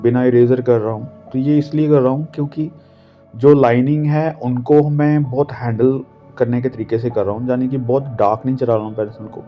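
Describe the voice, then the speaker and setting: Hindi-speaking man teaching drawing, lo-fi. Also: mid-range voice. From India. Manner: patient, step-by-step explaining with fillers. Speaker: art teacher. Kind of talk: drawing tutorial talk. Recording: dull lo-fi audio with faint music. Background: faint background music.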